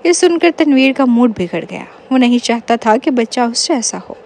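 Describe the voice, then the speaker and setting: Woman narrating a novel, high voice. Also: animated, darkish tone, slight background noise.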